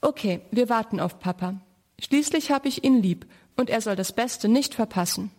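A woman voicing an eager, impatient little boy in a storybook reading, lifting her voice higher. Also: moderate pace, dark tone. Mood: earnest.

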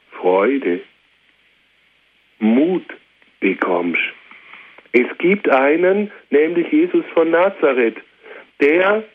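Man preaching over tinny radio. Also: medium pitch. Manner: fervent, repetitive, direct appeals. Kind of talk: radio sermon. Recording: tinny phone-like radio with hiss.

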